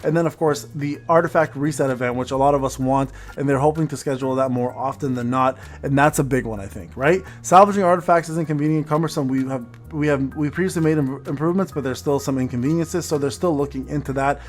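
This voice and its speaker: Male gaming creator, quick rambling delivery with stumbles and repeats, casual update commentary, faint music behind. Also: medium pitch. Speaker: gaming content creator hosting an update video. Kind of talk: casual news rundown commentary.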